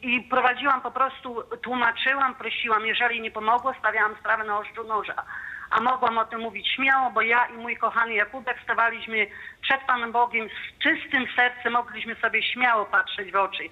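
A woman's voice: fairly high pitch, fairly even intonation, a little fast. A woman in her fifties calling in to a radio show to give a fervent, devout testimony. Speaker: caller. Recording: muffled phone line.

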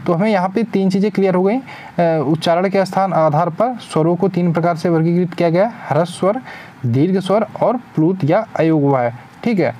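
A man's voice: sits high, brisk, dark tone. A young man teaching an exam-prep lesson, asking questions and answering them himself. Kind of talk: spoken lesson.

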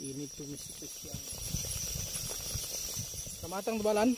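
A man's voice: a little high, animated, a little slow. A middle-aged man, chatting casually to viewers while cooking at camp in a forest shelter at night. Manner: chatty, addresses viewers and partner. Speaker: camping vlog host. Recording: outdoor night with loud insect noise.

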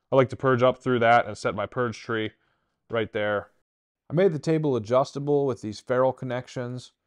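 A man's voice: medium pitch, a little mellow, clean tone. A man in his thirties, a traveling TIG welder, walking through his workshop tools in a plain, practical way, filmed on a handheld camera. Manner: plain practical explaining, matter-of-fact. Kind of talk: shop tool-tour walkthrough. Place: indoor workshop.

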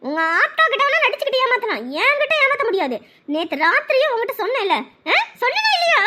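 A woman's voice: extremely high pitch, very animated, quick pace, bright, forceful tone, heavily acted. A woman voicing a scheming, scolding middle-aged stepmother in a cartoon, nagging as she talks. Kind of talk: Tamil cartoon voice acting.

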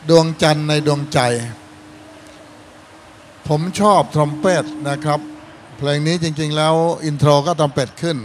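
Fatherly male judge, slightly high voice. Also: slight background noise. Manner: fatherly, addresses students as kids. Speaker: contest judge. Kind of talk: spoken critique of a student band.

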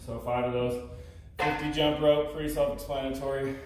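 A man's voice: mid-range voice, little pitch movement, moderate pace, noisy background. A young man casually explaining his workout in a home garage gym, coaching between exercises, recorded on the camera mic as he moves around. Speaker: fitness vlogger. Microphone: camera mic, moving around the room. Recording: very echoey garage with music behind. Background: background music.

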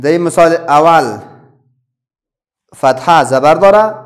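A man with an Afghan Dari accent and a voice on the high side teaches children to read. He poses a question to his pupils and then answers it himself, with many pauses and fillers.

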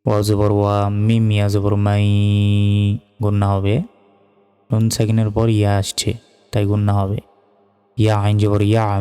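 A man teaching Quran reading, spelling out Arabic words letter by letter in a slow, measured way and chanting the verses. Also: on the low side, mellow, clean tone, long reverb tail.

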